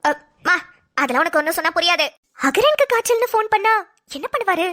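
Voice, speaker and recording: A defensive young mother from a family cartoon who snaps back at every remark, as a woman voices her. The voice is very high and bright, and she argues quickly and sharply. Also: lively intonation, exaggerated voice. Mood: argumentative. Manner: snappy, argumentative. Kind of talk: cartoon voice acting.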